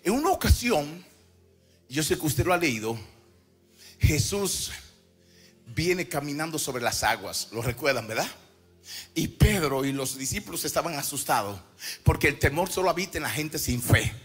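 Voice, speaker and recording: A pastor preaching a sermon in a chanted sing-song cadence, breaking into shouts and calling on the congregation to respond. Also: male voice, on the high side, animated, moderate pace, pauses often, breathy edge, soft background music. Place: church service before a congregation.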